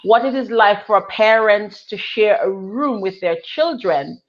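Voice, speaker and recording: A woman's voice: medium pitch, measured pace, lo-fi sound, a little hiss or hum. A woman from Jamaica in her thirties, a guest in an interview, telling her life story earnestly and with emphasis, often repeating phrases for effect. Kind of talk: personal testimony in an interview.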